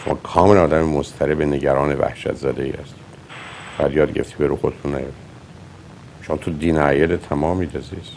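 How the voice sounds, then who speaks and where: A man's voice: a bass voice, steady tone, vocal fry, darkish tone, slight background noise. A man hosting a call-in advice show as a psychologist, blunt and lecturing with his caller. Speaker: psychologist host.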